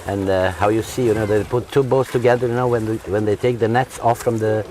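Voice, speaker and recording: A man working as a local guide, explaining on a lake outdoors in a halting way, often filling pauses with 'you know'. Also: on the low side, steady tone, darkish tone. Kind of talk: casual explanation on location. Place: outdoors on a lake by fishing boats.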